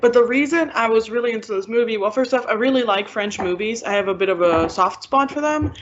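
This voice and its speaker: A woman's voice: on the high side, highs cut off, a little hiss or hum. A young woman in her twenties from Brazil, a college student talking candidly and bluntly in a casual film discussion. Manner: candid, blunt, quick to laugh at herself.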